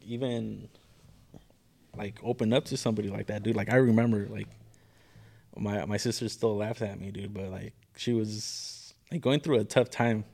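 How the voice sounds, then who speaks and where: A man's voice: fairly low pitch, steady tone, moderate pace, gravelly, dark tone. A young man who works with clients in mental health, chatting casually as a podcast guest, cursing freely and saying "dude" and "bro" all the time. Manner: slangy and profane, says "dude" and "bro" constantly. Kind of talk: casual chat.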